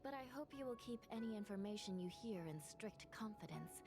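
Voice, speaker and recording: A woman playing a measured, formal court clerk. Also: mid-range voice, animated, close to an everyday voice. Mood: composed. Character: calm, formal female court clerk, reasoned and composed. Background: game music.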